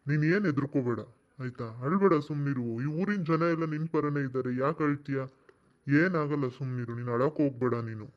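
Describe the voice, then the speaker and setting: A man's voice: a little high, a little fast, close to an everyday voice. A man voicing a kindly village protector. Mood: soothing. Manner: soothing, reassuring. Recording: dull lo-fi sound.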